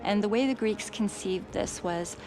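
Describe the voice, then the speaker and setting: A woman's voice: medium pitch, normal speed. A woman giving an expert explanation in a documentary interview. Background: music.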